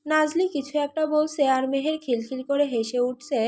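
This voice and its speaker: Female audiobook narrator for a romance serial, high-pitched and steady. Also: normal speed. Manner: steady storytelling. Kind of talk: scripted narration.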